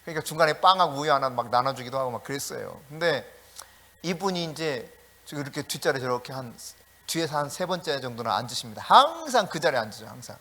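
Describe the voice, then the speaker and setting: Male pastor, sermon, lively swooping pitch, bright edge, animated, conversational asides. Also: fast talker. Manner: animated preaching with shouted calls; storytelling, conversational asides to congregation.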